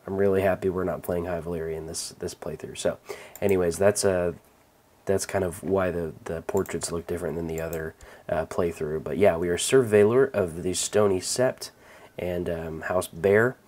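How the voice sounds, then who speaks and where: Man, very low voice, casual gameplay commentary, rambling with fillers, home desk mic. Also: moderate pace. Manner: relaxed, rambling, many fillers and restarts. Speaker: let's-play host.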